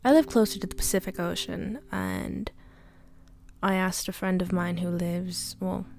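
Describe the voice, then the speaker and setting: A young woman rambling hesitantly through a personal audio diary, often trailing off and sometimes dropping to a soft whisper. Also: fairly low pitch, measured pace, creaky. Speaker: podcast diarist. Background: faint background music.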